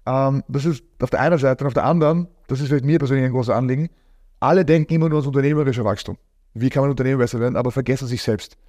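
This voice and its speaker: Fast-talking man in casual interview. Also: mid-range voice. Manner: fast, animated, many fillers.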